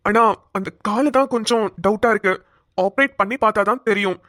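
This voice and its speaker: A woman's voice: mid-range voice, a little fast, a bit bright, dry recording, clean studio sound, lightly acted. A woman voicing a polite, reassuring male hospital doctor in a cartoon. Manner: polite, reassuring, mixes English words. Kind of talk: cartoon voice acting.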